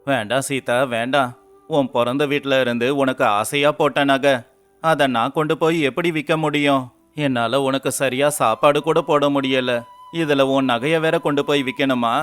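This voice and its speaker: A man's voice: mid-range voice, fairly even intonation, normal speed, fairly bright tone, clear, resonant tone, lightly acted. A man voicing a poor, humble young fisherman in a storybook tale, talking in an earnest, pleading tone. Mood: despairing. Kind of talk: storybook voice acting.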